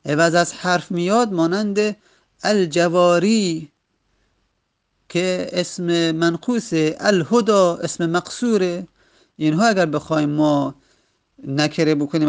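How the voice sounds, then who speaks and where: A man teaching a grammar lesson patiently, repeating each word form several times, his pace slowing and rushing by turns. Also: fairly high pitch, gravelly. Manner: uneven pace, stretches some words and rushes others.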